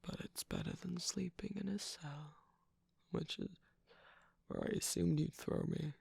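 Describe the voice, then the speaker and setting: A performer voicing a sly, manipulative male cookie trickster in an ASMR roleplay, teasing and sarcastic, mostly in a soft whisper. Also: mid-range voice, measured pace, creaky, husky, no echo, clean studio sound, heavily acted.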